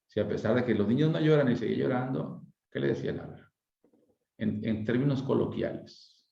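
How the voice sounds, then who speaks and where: Low, gravelly male speaker with a mellow tone, thoughtful explainer, echoey lo-fi room. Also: fairly quick. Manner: reflective, asks rhetorical questions, frequent tag questions. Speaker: speaker on emotional wellbeing. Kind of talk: conversational explanation.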